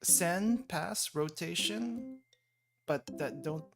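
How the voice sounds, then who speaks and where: Studying on a stream, this young man from the Philippines talks casually, muses aloud, and laughs a lot. He speaks very slowly in a gravelly, animated voice that sits on the high side, with music running behind him.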